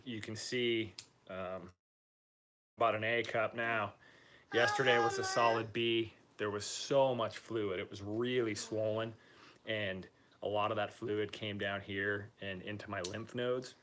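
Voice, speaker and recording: A man talking informally and upbeat in a casual video diary, using relaxed slang as he gives a personal recovery update. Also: lowish voice, slight background noise. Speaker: patient giving a recovery update.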